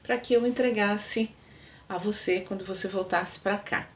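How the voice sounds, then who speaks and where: Woman doing a soft kind lady, confiding. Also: medium pitch, steady tone, measured pace, close to an everyday voice. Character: kindly woman confiding gently.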